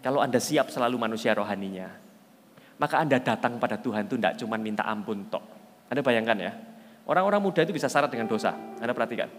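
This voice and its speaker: A man's voice: medium pitch, quick pace, soft background music. A man preaching, telling stories animatedly and acting out the voices of the people in them. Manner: animated storyteller, acts out voices, loud rising outbursts. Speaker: pastor. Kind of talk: sermon with told stories. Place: large church hall. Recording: live church hall with reverb.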